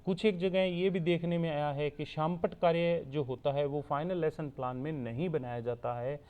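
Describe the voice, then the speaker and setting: A man giving a steady explanatory online lecture as a teacher-training instructor, repeating points so students can take notes. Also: on the high side, moderate pace. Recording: tinny phone-like recording.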